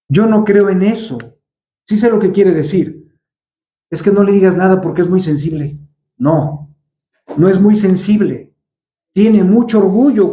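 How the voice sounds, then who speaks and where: Preacher, male, mellow high voice, echoey church, rhetorical questioning. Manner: rhetorical questions, acts out quoted dialogue. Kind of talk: sermon. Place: church hall.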